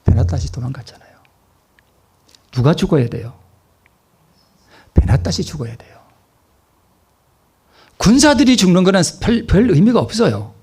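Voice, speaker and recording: A man's voice: a little high, very animated, moderate pace, pauses often, a little mellow, slightly rough. A man preaching a sermon as a pastor, asking the congregation questions and answering them himself, repeating points for emphasis.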